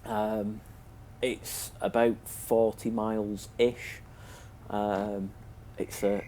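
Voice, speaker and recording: This British presenter has a cold that leaves him sniffly and stuffed up as he delivers a relaxed, tentative, unscripted review. His fairly low voice has a warm tone, and background noise is noticeable.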